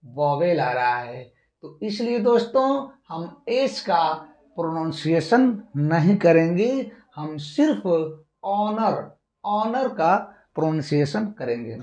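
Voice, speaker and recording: In an echoey room, a woman gives a classroom-style lesson on English pronunciation rules. Her voice is low, sing-song, slow, and somewhat dark in tone. She repeats each rule and asks questions that she then answers herself.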